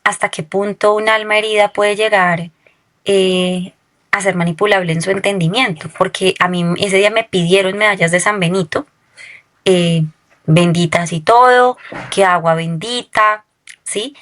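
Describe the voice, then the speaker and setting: A woman's voice: mid-range voice, steady tone, measured pace, a bit bright. Woman telling a personal testimony. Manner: storytelling that keeps checking in with a questioning tag. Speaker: guest sharing a testimony.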